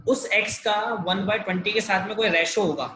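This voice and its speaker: A man's voice: sits high, steady tone, normal speed, pushed and bright, slight background noise, low-quality recording. A man teaching a math class over a video call, explaining each step patiently. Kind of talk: online math lesson.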